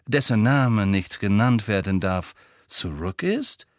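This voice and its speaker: A man voicing a sharp, scheming female tabloid reporter with a pushy, insinuating manner. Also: lowish voice, animated, takes it slowly, no echo. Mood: probing. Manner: pushy, insinuating, then breathy and honeyed.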